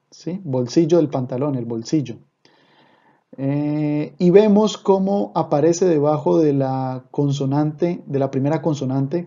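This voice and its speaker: Male online language teacher, patient and repetitive, deep warm timbre, slightly dull lo-fi recording. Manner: patient, repeats points, often checks in with listeners. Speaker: Hebrew teacher.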